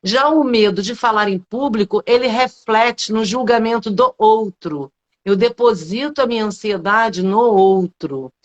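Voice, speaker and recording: A middle-aged Brazilian woman with a slightly high voice, speaking as a public speaking coach in an explanatory way. She keeps posing rhetorical questions and checking in with quick tag questions. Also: dull audio. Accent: Brazilian Portuguese. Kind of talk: explanatory talk in a live interview.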